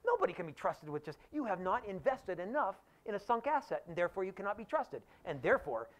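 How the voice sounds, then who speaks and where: A man's voice: high voice, very animated, quick pace. A man voicing a haughty older aristocratic woman, asking scornful, indignant questions.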